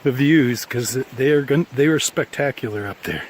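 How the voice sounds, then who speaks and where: A man's voice: mid-range voice, normal speed, slight background noise. A tired man filming himself at the end of a long hike outdoors, talking in a rambling, self-correcting, plain way as a casual trail diary. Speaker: hiker filming a trail vlog.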